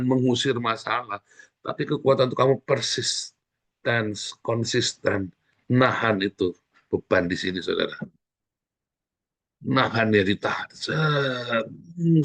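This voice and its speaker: A man preaching a sermon as pastor, speaking in an animated way with sudden loud exclamations. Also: mid-range voice.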